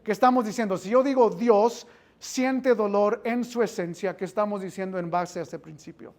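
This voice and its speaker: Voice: mid-range voice, normal speed, a little mellow. A Bible teacher giving an interactive class, quizzing the listeners, repeating phrases and dropping in English filler words.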